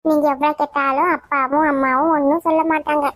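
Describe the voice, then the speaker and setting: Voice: sits high, flat delivery, a little fast, fairly bright tone, no echo. A performer voicing a worried mother and a chatty younger sister in a cartoon family drama. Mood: confiding.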